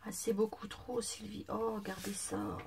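A woman's voice: mid-range voice, little pitch movement, moderate pace, vocal fry, darkish tone, a little hiss or hum. A woman showing off gifts she received in a casual vlog, gushing and exclaiming, sometimes dropping to a whisper, with a voice that is giving out. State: losing her voice. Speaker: craft vlogger. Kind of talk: casual unboxing chat to camera.

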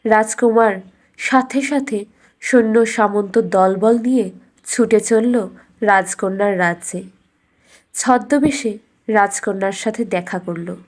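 With a mid-range voice, a woman narrates a cartoon fairy tale from a script, delivering it in a measured, deliberate storybook way.

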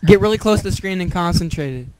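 A man's voice: sits high, expressive, quick pace, darkish tone, slight background noise. A teenage boy in a casual chat over a voice call, teasing and coaxing his friend through a game. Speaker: recording host.

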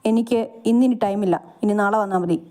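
A brooding young company boss speaks with firm concern for a frightened child. The tone stays mellow and even, a woman reading his lines in her own voice. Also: medium pitch, fairly quick, natural voice. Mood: earnest.

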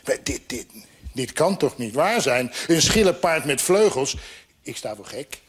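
A man's voice: a little high, expressive, a little slow. A man voicing an old, timid cart horse who talks in a bewildered, hesitant way.

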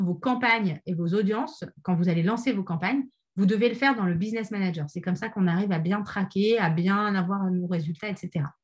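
Hesitant woman giving a webinar talk. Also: mid-range voice. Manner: hesitant, many fillers and restarts. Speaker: webinar speaker on ad testing. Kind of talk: online training presentation.

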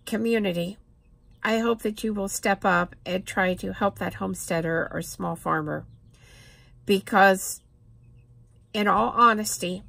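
Earnest middle-aged woman, gravelly edge. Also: medium pitch, fairly bright tone. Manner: earnest, plain-spoken, persuasive. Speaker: homesteader vlogger. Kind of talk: casual talking-head vlog. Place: cluttered room indoors. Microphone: camera close up.

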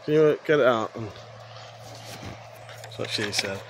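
A man's voice: mid-range voice, measured pace, slight background noise. A man in his thirties vlogging casually outdoors by a river, filming on a phone at arm's length, joking and teasing himself. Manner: jokey, self-mocking, chatty. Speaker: YouTube vlogger. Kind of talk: casual travel vlog. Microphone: phone held at arm's length.

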